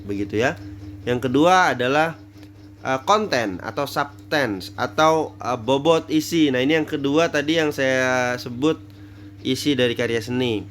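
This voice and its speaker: A man's voice: medium pitch, a little slow, fairly bright tone, a little hiss or hum. A man giving a casual theater lecture, thinking aloud with many fillers and restarts.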